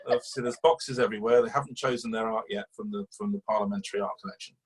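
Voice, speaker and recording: A man's voice: lowish voice, fairly even intonation, very fast, slightly rough, low-quality recording. A man, a campaigner telling a long chatty story in an interview, rambling with fillers and restarts. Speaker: guest, animal welfare campaigner.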